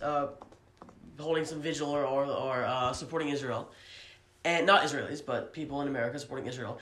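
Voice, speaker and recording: Earnest high-voiced young man, echoey room. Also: fairly bright tone. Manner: earnest, with many restarts. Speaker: podcast co-host. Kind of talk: casual opinion talk.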